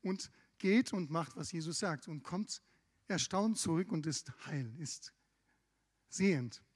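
A man preaches a sermon, retelling a scripture story in his own casual words. His voice sits a little high, and he is heard in a hall with a long, lingering echo. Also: takes it slowly. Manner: conversational, lively retelling of scripture with asides.

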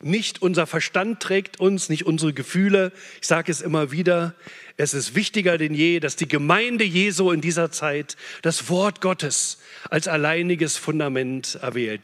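A man preaching a sermon, impassioned, swinging between loud urgent peaks and hushed low phrases. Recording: long hall reverb.

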